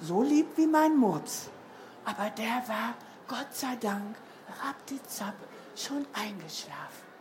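A fretful, loving storybook mother with a high, gentle voice, as a woman reading aloud puts her on. She speaks slowly and softly, fussing tenderly over her child. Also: animated, background noise. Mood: tender whisper. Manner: soft and tender, worried.

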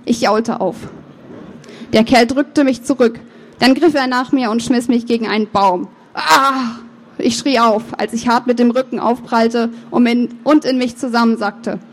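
A woman's voice: fairly high pitch, a little hiss or hum. Woman reading her own novel aloud. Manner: measured, expressive first-person narration with occasional slips. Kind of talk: book reading.

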